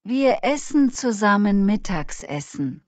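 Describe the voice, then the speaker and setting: A woman slowly reading short sentence parts and single words aloud for language learners. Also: mid-range voice, very animated, a little mellow, no echo. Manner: reads single words and short fragments one by one.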